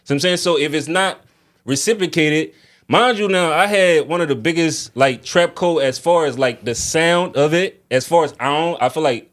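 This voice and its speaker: Man, high voice. Casual slangy venting, repeats himself to drive points home. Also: normal speed, a bit bright. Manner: slangy, emphatic, repeats phrases for stress. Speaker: music artist guest.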